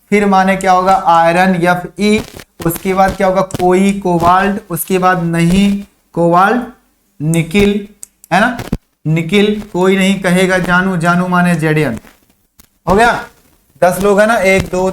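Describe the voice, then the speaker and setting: A man with a fairly high voice leads a chemistry class, drilling memory sentences for the periodic table. He repeats each phrase slowly for dictation and keeps asking and answering his own questions in a classroom manner. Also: slight background noise. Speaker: chemistry teacher. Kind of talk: online classroom lesson.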